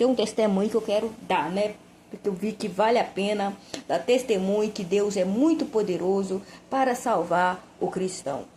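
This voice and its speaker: Fervent high-voiced woman. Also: a little mellow, slight background noise. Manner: fervent, emotional storytelling. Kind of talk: religious testimony.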